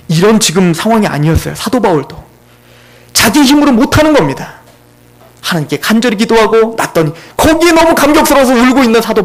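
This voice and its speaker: A male pastor preaching a sermon in church with emotion, often asking the congregation questions. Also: high-pitched.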